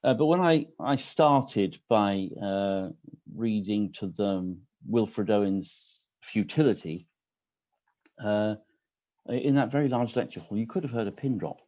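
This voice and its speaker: Man, 60s, low voice, mellow tone, hesitant casual host, video call from home kitchen. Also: measured pace. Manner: hesitant, many ums and restarts. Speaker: host of online poetry reading. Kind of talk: casual welcoming remarks. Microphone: computer on a video call.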